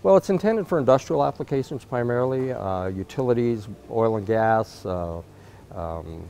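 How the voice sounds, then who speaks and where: At an indoor trade event interview spot, a man in his fifties demonstrates equipment as a product marketer, unscripted and explanatory, hesitating often while answering interview questions. His medium-pitched voice is expressive, creaky, and dark, at normal speed, with slight background noise.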